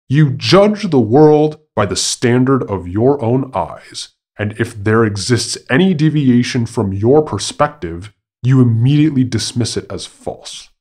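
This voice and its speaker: A man's voice: mid-range voice, a little mellow, breathy edge. A man voicing a boastful male monkey who proclaims himself a man, speaking in a grandiose, declaiming manner. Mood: scornful.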